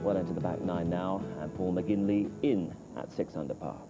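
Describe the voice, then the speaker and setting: A man with a deep voice delivers a golf commentary round-up of the standings. He moves through the list in orderly fashion while prominent music plays loudly behind him. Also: steady tone, moderate pace. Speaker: golf broadcast presenter. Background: loud music.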